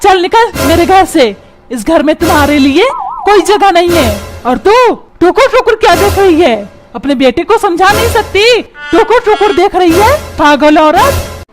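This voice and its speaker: A woman voicing a short-tempered middle-aged father in a comic cartoon, scolding and shouting threats in a squeaky, very high voice. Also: animated, a little slow. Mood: angry. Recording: music playing loudly underneath.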